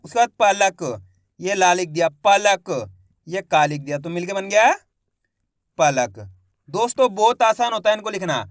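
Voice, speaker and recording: Male teacher, high voice, dry close voice-over; sounds out each word syllable by syllable and quizzes the viewer. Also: normal speed, no room sound. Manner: spells out words syllable by syllable, repeating each word; addresses viewers as friends, asks quiz questions. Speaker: Hindi reading teacher. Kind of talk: step-by-step literacy lesson.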